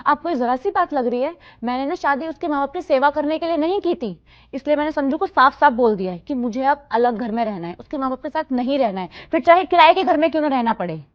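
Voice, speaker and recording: A woman's voice: sits high, expressive, fast. An actress playing a headstrong young married woman who complains indignantly to her mother in a scripted family drama. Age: young adult. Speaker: married daughter. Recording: slightly dull lo-fi recording.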